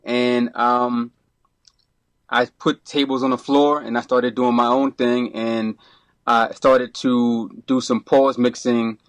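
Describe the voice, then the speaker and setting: A middle-aged man from Brooklyn, a podcast guest who talks in a relaxed, rambling way, full of restarts and you-knows. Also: mid-range voice, takes it slowly, no room sound. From Brooklyn, New York. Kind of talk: casual interview.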